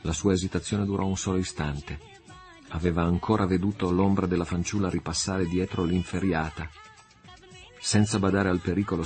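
A man narrating an adventure novel as an audiobook in a steady, measured way. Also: low voice.

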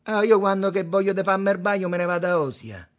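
A man's voice: fairly high pitch, expressive, slow pace, voice pushed up. A man voicing a mocking, lazy man from the Roman slums, with a Roman accent and a teasing drawl.

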